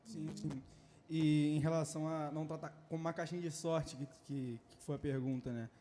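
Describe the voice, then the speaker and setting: A man's voice: on the high side, steady tone, fairly quick, mellow, a little hiss or hum. A young man from a youth ministry, earnestly explaining scripture in a casual church chat. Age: teens or young adult. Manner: earnest, quoting scripture, some laughing. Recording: long hall reverb.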